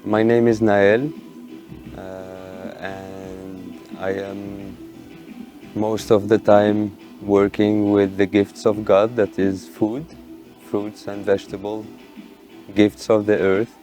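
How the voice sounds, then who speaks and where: A man introducing himself as a sound designer, soft-spoken and a little hesitant. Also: on the low side, little pitch movement, slow, faint music behind.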